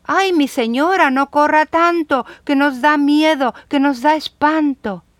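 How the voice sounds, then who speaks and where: A woman's voice: high voice, fairly even intonation, unhurried, no room sound, voice pushed up. A woman voicing a chorus of frightened mountain plants, pleading anxiously in a children's poem.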